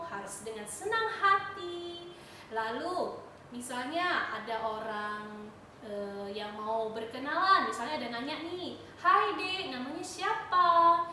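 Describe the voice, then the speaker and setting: Young woman, Sunday school teacher, high-pitched, unhurried, animated, sing-song, echoey room. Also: far from the mic, slight background noise. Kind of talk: children's sermon.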